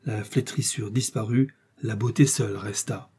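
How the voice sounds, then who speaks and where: Mellow, husky male narrator. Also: on the low side. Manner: measured, expressive storytelling. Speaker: audiobook narrator. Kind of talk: literary audiobook narration.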